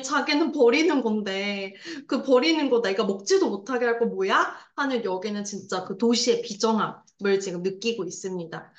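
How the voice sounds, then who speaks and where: Animated woman teacher, echoey room. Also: mid-range voice, muffled recording. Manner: lively, acts out scenes with sound effects and voices; chatty asides, addresses students directly. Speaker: Korean language teacher. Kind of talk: online lecture explaining a literary passage.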